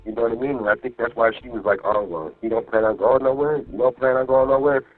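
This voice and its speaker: Over a muffled jail phone connection with faint music, a man with a mid-range voice talks at a quick pace to his partner. He's an inmate venting casually and with profanity, rambling and repeating "you know what I mean" to be sure he's understood.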